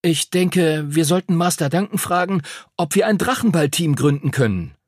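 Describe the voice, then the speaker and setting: A man voicing an eager, scatterbrained boy who rushes his words and stammers when nervous. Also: on the high side, expressive, no room sound, studio quality, pitched above the performer's own voice.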